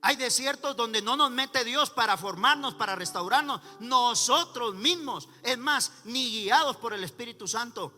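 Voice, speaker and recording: A man's voice: extremely high pitch, normal speed, few pauses, bright, forceful tone. A man preaching a sermon as pastor, emphatic, calling church members by name. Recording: reverberant hall with faint music.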